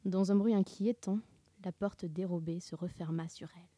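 Expressive woman reading a children's story. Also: fairly low pitch, moderate pace, no room sound. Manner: expressive, dramatic narration with hushed whispers. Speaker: reader. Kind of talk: reading a children's book aloud.

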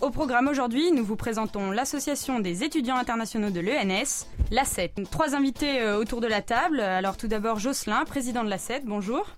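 A woman's voice: fairly high pitch, brisk. A woman hosting a radio talk show in an upbeat, welcoming way. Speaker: radio host.

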